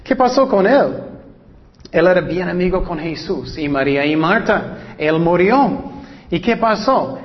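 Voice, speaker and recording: Female preacher, earnest and steady, reads verses slowly; muffled, lo-fi sound. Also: fairly low pitch. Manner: earnest, slows down to read scripture verses. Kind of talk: sermon.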